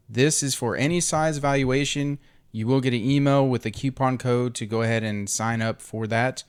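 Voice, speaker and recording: A man hosting an online group, making a casual, unscripted giveaway and sale announcement with an informal, halting delivery. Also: mid-range voice, steady tone, clear, resonant tone. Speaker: host of an online trading group.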